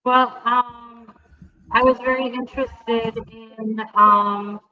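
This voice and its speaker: A woman's voice: on the high side, fairly even intonation, takes it slowly. Woman on a call, voice cutting in and out. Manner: hesitant, many ums. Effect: voice cutting in and out on a call line. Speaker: guest, hypnotist. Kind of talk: casual interview answers. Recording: dull lo-fi remote call line.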